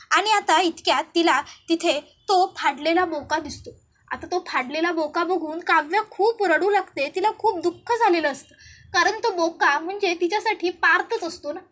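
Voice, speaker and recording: High-voiced woman retelling a serial. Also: a bit bright. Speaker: narrator.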